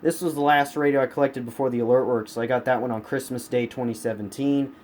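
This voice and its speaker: An American man reviews his radio collection from behind a handheld camera in a home room, talking casually and without a script while repeating points for emphasis. He speaks fast in a medium-pitched, darkish voice with fairly even intonation, and room noise is clearly audible.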